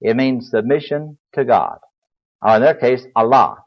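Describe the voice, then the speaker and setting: A man's voice: mid-range voice, moderate pace. An older man preaching a Bible lecture, explaining in a folksy way and spelling words aloud. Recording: dull lo-fi recording.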